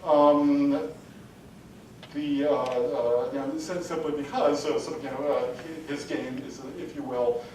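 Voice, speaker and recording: A man's voice: steady tone, unhurried, a little mellow. A man giving an adult-education lecture, rambling and full of "sort of, you know" fillers. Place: lecture hall. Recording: distant mic in a very echoey room with faint rumble.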